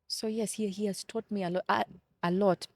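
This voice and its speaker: A woman's voice: mid-range voice, steady tone, fairly quick, dry recording. Earnest, reflective woman in her thirties. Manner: earnest, reflective, repeats words as she searches for them. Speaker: podcast guest. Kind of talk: candid conversational storytelling.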